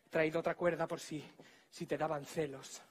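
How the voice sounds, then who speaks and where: A man with a Spanish accent performing a live comedy magic act, teasing volunteers and giving them quick orders on stage. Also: fairly high pitch, flat delivery.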